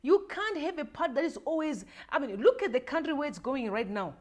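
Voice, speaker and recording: A woman's voice: sits high, animated, brisk, a little mellow. A woman in her forties from Zimbabwe, hosting a livestream with emotional, repetitive political commentary addressed straight to her viewers. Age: 40s. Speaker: livestream host.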